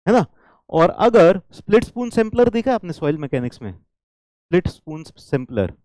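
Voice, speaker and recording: A man's voice: high voice, very animated, fairly quick, a little mellow, dry recording. A man teaching an engineering class, who keeps checking in with the students and repeats key points, now and then saying a line in English. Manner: switches into English lines. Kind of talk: engineering lecture.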